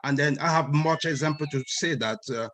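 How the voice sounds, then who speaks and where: A man's voice: on the high side, fairly quick, a bit bright. A man from Cameroon, speaking earnestly at an online group meeting and often repeating words as he searches for them. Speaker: guest speaker.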